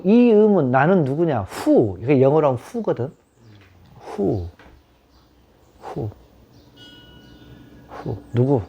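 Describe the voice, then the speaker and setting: A man giving a Buddhist dharma talk to a small group, questioning them and repeating key words. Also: sits high. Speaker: meditation teacher. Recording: dull lo-fi sound.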